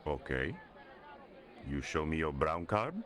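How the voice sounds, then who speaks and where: Deep, officious game character. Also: male voice, animated, takes it slowly, fairly bright tone, a faint crowd, full character voice. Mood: officious, polite. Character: polite, officious male Latin American local. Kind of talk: video game voice acting. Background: music clearly behind the voice.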